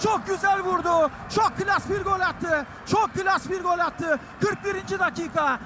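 A man doing excited live football commentary, shouting urgently and screaming goal calls. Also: very high-pitched, unhurried. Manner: shouting and urgent as attacks and goals unfold. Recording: loud stadium noise behind the voice.

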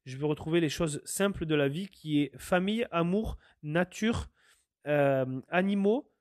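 A man's voice: a little high, unhurried, no room sound. Opinionated man, dry close sound. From France. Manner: earnest, opinionated, many restarts and fillers. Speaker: podcast host. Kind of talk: solo podcast monologue.

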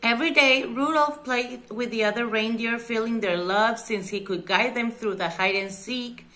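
A woman storyteller reading a children's story aloud, slow and expressive. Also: a little high.

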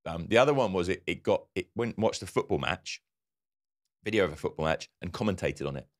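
A man co-hosts a marketing podcast in an easy, conversational way. His voice sits very low and deep, and he livens his stories by acting out the quotes. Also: quick pace. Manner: animated storyteller, acts out quotes. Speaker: podcast co-host. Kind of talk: casual conversational podcast chat.

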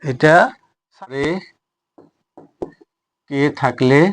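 Slow, repetitive male teacher. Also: medium pitch, little pitch movement, clear, resonant tone. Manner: repetitive, addresses students directly, checks understanding. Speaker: English pronunciation teacher. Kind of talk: slow spoken lesson, spelling words out.

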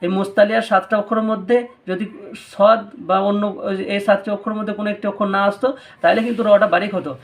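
A man's voice: sits high, steady tone, fast talker, vocal fry. A man with a Bangladeshi Bengali accent teaching Quran recitation rules in a patient tutorial, repeating each rule twice. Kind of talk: step-by-step tutorial lesson.

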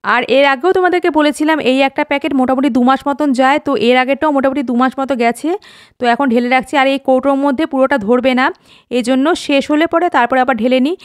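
A woman's voice: high-pitched, fairly even intonation, racing, dry recording, studio quality. A woman in her forties from West Bengal, narrating a chatty home vlog and talking straight to her viewers. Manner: chatty, homely, addresses viewers directly. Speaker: vlogger.

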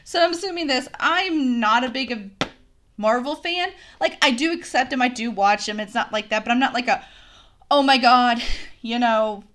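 A woman's voice: a little high, normal speed, a bit bright. A young woman gushing through a casual unboxing vlog on her phone camera, chatting to viewers. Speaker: unboxing vlogger.

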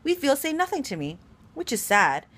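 Wistful male fox voiced by a woman, gentle, patient storybook tone, lively rising voice. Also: high voice, moderate pace, pitched above the performer's own voice. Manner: earnest, explaining patiently.

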